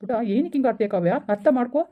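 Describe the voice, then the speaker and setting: Skit: woman playing a pleading boyfriend, rapid-fire talk through a tinny phone line. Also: on the high side, animated. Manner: pleading, explaining over and over. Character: pleading young man, apologetic boyfriend. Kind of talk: village skit phone-call acting.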